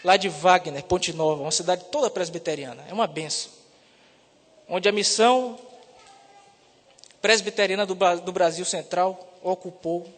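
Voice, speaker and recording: A man preaches to a congregation, building to loud, emphatic peaks on the words he stresses. His voice sits fairly high, and it rings out in a church hall with a long reverb tail. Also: normal speed, pauses often. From Salvador, Brazil. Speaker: seminarian preacher. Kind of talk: sermon.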